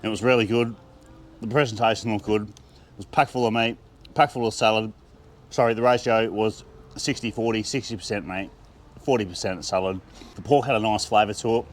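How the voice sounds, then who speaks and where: A man's voice: fairly low pitch, fairly even intonation, a little fast. A man with an Australian accent, chatting with enthusiasm as he reviews food and laughing often. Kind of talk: casual food review vlog.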